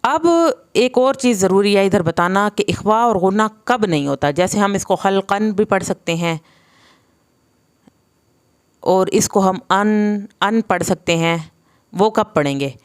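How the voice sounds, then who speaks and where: A woman teaching Quran recitation in an online lesson, patiently spelling out letter sounds and slowing down to model each one. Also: medium pitch, smooth.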